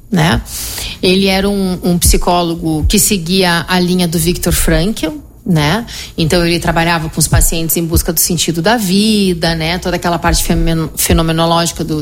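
A middle-aged woman psychologist, explaining her method in an animated conversational interview, often tagging her sentences with "né?". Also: mid-range voice, slight background noise. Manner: explanatory, animated, frequent "né?" tag questions.

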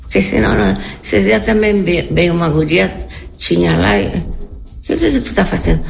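An interview guest, she is an elderly woman from Argentina, a native Spanish speaker with an Argentine accent, talking at a normal speed in a lowish voice with vocal fry. Her reminiscing is conversational, full of repeated words and checks for agreement.

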